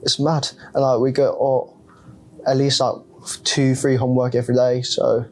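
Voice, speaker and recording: A young man from Hong Kong, a student chatting in a relaxed way with short, simple phrasing. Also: mid-range voice, normal speed, poor audio. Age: young adult. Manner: laid-back, simple phrasing, short reactions. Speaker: student discussion participant. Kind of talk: casual debate chat.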